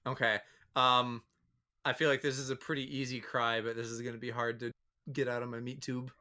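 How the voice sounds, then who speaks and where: A young man as a guest in a casual gaming chat, thinking aloud with fillers and making squeaky sound effects. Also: level tone, fairly quick, sharp tone.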